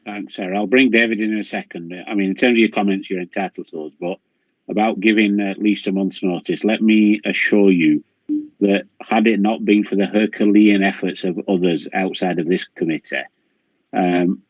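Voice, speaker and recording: A man's voice: low-pitched, steady tone, moderate pace, dry recording. A man chairing a council committee over a video call, firm and businesslike as he calls names and runs the vote. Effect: heard over a video call. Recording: dull muffled video-call audio.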